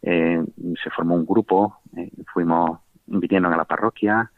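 Man with a very low voice on tinny radio. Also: fairly even intonation, dry recording. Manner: halting, many fillers and tag questions, gentle. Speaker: layperson giving a faith testimony. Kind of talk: spoken personal testimony. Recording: tinny phone-like radio broadcast.

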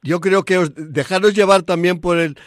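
A man's voice: high voice, steady tone, normal speed, no echo, studio quality. A man, a radio host interviewing a guest in a friendly, conversational way.

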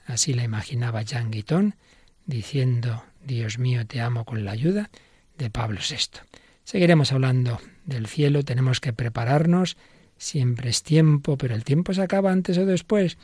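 A man hosting a religious program, reading a story in a calm, measured narration. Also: mid-range voice, husky, no room sound, clean studio sound. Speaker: host of religious radio program.

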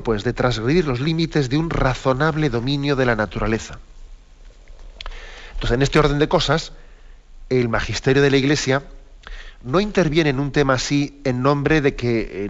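Male lecturer, mid pitch, measured and explanatory with frequent tag questions, slightly dull lo-fi recording. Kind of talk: spoken lecture to a class.

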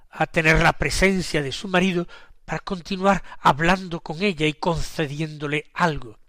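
Slow, measured preaching man, Spanish accent. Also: a little high, bright, forceful tone, no echo. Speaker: priest. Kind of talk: gospel commentary homily.

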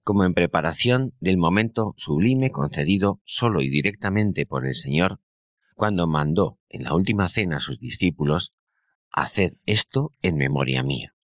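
A man co-hosting a radio program, reading a scripted spiritual reflection in a measured, solemn way. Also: low voice, fairly bright tone, no echo, lo-fi sound. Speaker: radio co-host.

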